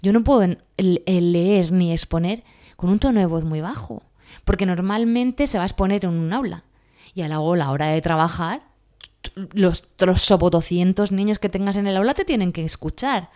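This woman from Spain, speaking with a Spanish accent, gives a casual spoken lesson full of exam advice. Her voice is fairly low and darkish at a normal speed, and she's chatty, laughs at herself and keeps asking "¿vale?" to check her listeners follow.

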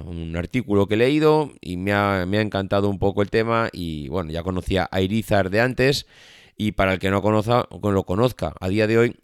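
A man's voice: lowish voice, smooth, no echo, studio quality. A man with a Spanish accent from Spain hosting a solo podcast, his voice nasal and stuffed up with a cold, rambling and often correcting himself. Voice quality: nasal, congested from a blocked nose. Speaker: podcast host.

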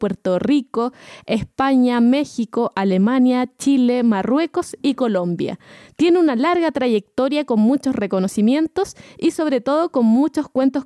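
A woman co-hosting a podcast, reading out a guest's introduction in a steady, list-like delivery. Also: a little high, no echo, studio quality. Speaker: podcast co-host.

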